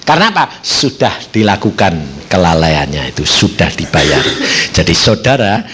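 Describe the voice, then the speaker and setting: A man's voice: deep voice, big pitch swings, moderate pace, a bit bright, a little hiss or hum. A man preaching a sermon and telling stories, acting out voices with laughter.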